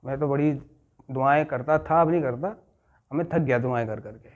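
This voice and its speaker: A man's voice: mid-range voice, normal speed. A man leading an addiction recovery class, telling a story as a lecture, repeating key phrases and checking in with his listeners. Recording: muffled lo-fi recording.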